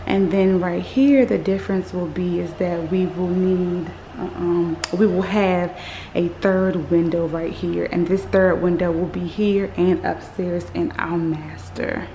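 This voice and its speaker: Speaking slowly in a dark, fairly low voice with fairly even intonation, a woman in her thirties chats casually to her arm's-length phone camera, rambling with fillers. She is in a parked car, then an unfinished house, and the audio is dull with a little hiss or hum.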